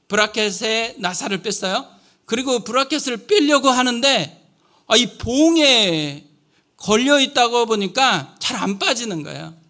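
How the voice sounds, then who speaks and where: Bright high-voiced preaching man. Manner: storytelling, vivid and animated, asks the congregation questions. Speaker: guest pastor. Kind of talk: sermon. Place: church sanctuary.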